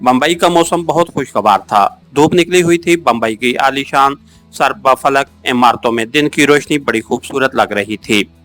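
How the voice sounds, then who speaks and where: Man narrating an audiobook over soft music. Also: medium pitch, normal speed. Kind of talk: novel reading, first-person narration.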